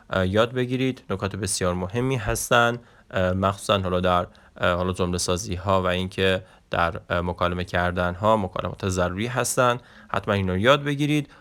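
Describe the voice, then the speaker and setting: A man giving a casual online English lesson, with many fillers, who says the English phrases slowly and draws them out. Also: deep voice, a bit bright, clear, resonant tone. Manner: slow, drawn-out pronunciation of English phrases. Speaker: English teacher.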